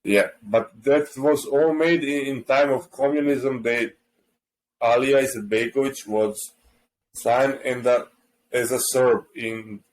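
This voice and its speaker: Guy from bosnia, halting english, keeps searching for words, casual podcast chat. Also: medium pitch, fairly even intonation, rough recording. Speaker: podcast co-host.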